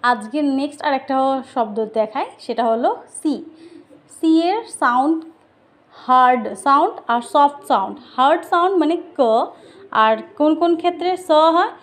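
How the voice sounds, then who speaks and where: A woman's voice: sits high, animated, normal speed. A woman teaching phonics, who explains patiently and spells words out letter by letter. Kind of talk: phonics lesson for parents.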